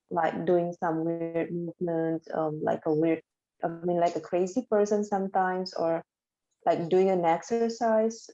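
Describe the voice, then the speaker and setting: A woman's voice: lowish voice, warm tone. A woman from Indonesia, hesitantly asking a teacher questions over a video call with many ums. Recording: muffled video call audio.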